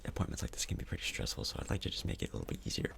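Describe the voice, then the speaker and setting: Close to the mic, a man talks softly, almost whispering, in an ASMR doctor role-play, sounding casual, hesitant and reassuring. He speaks rapid-fire, with a little hiss or hum in the recording.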